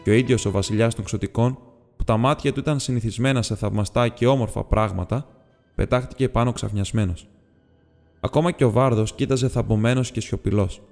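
A man narrating an audiobook in a steady, measured reading voice. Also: mid-range voice, creaky. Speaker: audiobook reader. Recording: long reverb with faint music.

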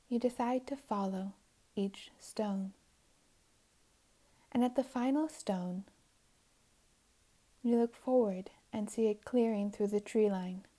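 A woman guiding a meditation in a soft, soothing voice, often drifting into whispers. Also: fairly high pitch. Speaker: meditation guide. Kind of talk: guided meditation narration.

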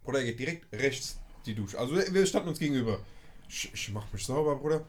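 A man's voice: mid-range voice, expressive, quick pace. A young man, casually telling a story in a podcast chat and peppering it with street slang.

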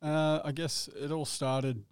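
A man's voice: fairly high pitch, steady tone, slow, clear, resonant tone, dry recording. Guest role: Australian man, thirties, casual and laconic, plain-spoken personal account, close dry sound. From Australia, Western Sydney and the Gold Coast. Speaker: podcast guest, endurance athlete.

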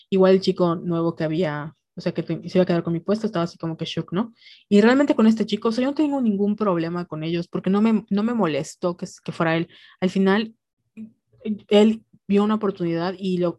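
A woman's voice: on the low side, warm tone, no echo. A young woman with a Mexican accent, telling a personal story in casual podcast chat, full of slang and quoted dialogue. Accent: Mexican Spanish.

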